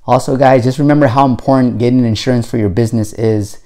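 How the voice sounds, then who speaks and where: A man's voice: medium pitch, fast. A man vlogging about his photo booth business, talking casually and energetically to camera while he loads his gear outdoors. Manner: energetic, hypes himself up, playful. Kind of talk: casual vlog talk to camera. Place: outdoors by a vehicle, loading equipment.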